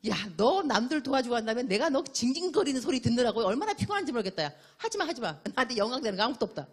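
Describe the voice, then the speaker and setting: A woman's voice: fairly high pitch, sing-song, rapid-fire, slightly rough, pitched above the performer's own voice. A woman voicing God as an exasperated figure who scolds a whiny believer in a brusque way.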